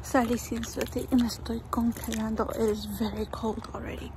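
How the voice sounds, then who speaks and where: A woman's voice: a little high, level tone, moderate pace, background noise. A woman vlogging in a casual, chatty way, switching between Spanish and English mid-sentence and talking straight to her viewers. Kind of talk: casual vlog chat.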